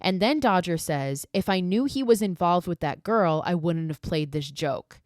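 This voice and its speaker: A woman hosts a podcast and recaps a horror film in a loose, casual way, blunt, sarcastic and full of swearing. Her voice sits a little low. The sound is dry and close, with no room echo. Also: normal speed, a little mellow. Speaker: podcast host.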